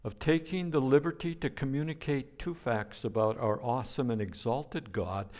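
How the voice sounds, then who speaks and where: An older man preaching a sermon as a pastor, speaking in a slow, deliberate way, with playful sound effects now and then. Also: medium pitch, darkish tone.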